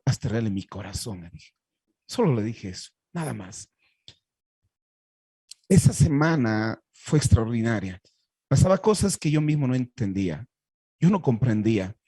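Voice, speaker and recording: A man's voice: medium pitch, mellow, dry recording. A Bolivian man with a Bolivian Spanish accent, a pastor telling his personal faith testimony in an earnest, heartfelt way with frequent restarts.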